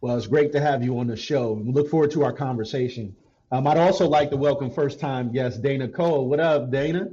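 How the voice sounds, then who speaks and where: A man from Canton, Ohio, hosting a podcast in casual chat, relaxed and repeating words as he starts his sentences. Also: mid-range voice, fairly quick, slightly rough, muffled recording. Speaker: podcast host.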